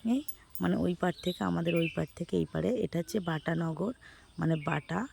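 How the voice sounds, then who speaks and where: Hoarse, gravelly woman chatting to viewers. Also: lowish voice, moderate pace, darkish tone, slight background noise. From West Bengal, India. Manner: chatty, addressing viewers as friends. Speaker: vlogger. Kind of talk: casual vlog voice-over. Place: outdoors.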